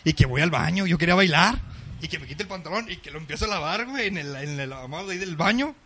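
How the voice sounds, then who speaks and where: A man's voice: fairly high pitch, lively intonation, pushed and bright, husky. A young man with a Mexican accent telling a funny story in casual podcast chat, full of slang and laughing as he talks. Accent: Mexican Spanish. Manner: rapid slangy storytelling, constant "güey", laughs while talking.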